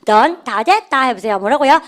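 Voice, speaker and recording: A woman English grammar teacher giving a lecture, cueing students to repeat and saying example sentences slowly. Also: high voice, animated. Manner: call-and-response drilling, cues students with "시작" and says English sentences slowly.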